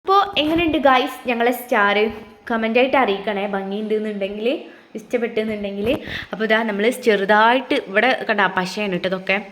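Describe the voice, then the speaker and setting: A woman's voice: medium pitch, fast, fairly bright tone, a little hiss or hum. A woman, casually chatting to viewers step by step while making crafts at home. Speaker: family vlogger. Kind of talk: casual crafts vlog chat.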